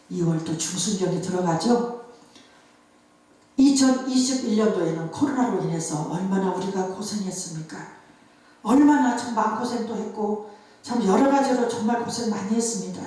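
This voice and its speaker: A woman's voice: medium pitch, dark tone. A woman pastor giving an emotional sermon, telling stories and acting out the voices of others. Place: church revival hall. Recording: echoey hall, voice from far off.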